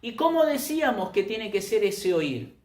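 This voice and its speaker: A man's voice: very animated, normal speed, reverberant. A man preaching a sermon, emphatic, often repeating and restarting phrases. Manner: emphatic, with sudden rises in pitch and loudness. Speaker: pastor.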